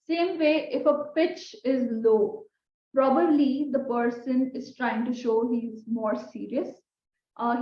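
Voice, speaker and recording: A woman teaching a communication skills lesson in a conversational way, often asking her listeners questions. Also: fairly high pitch. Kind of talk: recorded lesson. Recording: echoey room, dull sound.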